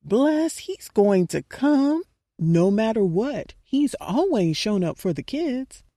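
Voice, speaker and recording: A woman's voice: mid-range voice, very animated, slow pace, mellow, no echo, studio quality, voice pushed up, full character voice. A woman voicing a comforting friend who speaks in a soothing, reassuring way.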